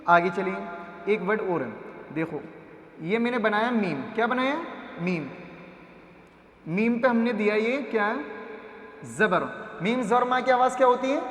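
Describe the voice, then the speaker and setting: High pitched guy teaching quran reading, sounds out syllables over and over, stretches vowels, echoey room. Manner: drills syllables, asks and answers his own questions; stretches long vowels slowly. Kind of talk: patient step-by-step phonics lesson.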